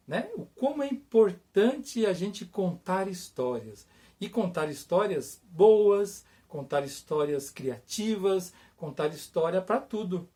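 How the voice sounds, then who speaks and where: A man's voice: fairly high pitch, a little mellow. A Brazilian man, a storyteller, speaking informally and directly to viewers in a conversational, repetitive way with check-in questions. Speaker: writer and storyteller. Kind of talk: informal presentation to camera, addressing viewers directly.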